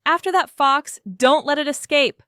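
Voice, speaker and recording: A woman voicing a bold, impulsive teenage girl who shouts her lines. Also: very high voice, slow, no echo, studio quality, voice pushed up, full character voice. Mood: shouting.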